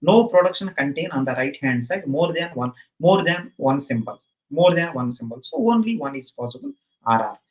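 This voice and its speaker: A man's voice: fairly high pitch, animated, moderate pace, a little mellow, lo-fi sound. A man with a South Indian accent teaching a live online exam class, emphatically repeating his phrases over and over.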